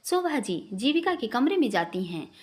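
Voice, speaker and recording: Expressive woman reading a story. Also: on the high side, normal speed. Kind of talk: scripted story narration.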